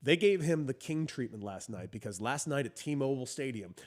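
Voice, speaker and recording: A man's voice: mid-range voice, brisk. A man co-hosting a casual sports podcast, his voice in an ordinary middle register. He rambles through stats and stories, breaking into laughs. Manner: animated, rambling, laughs often. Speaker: podcast co-host.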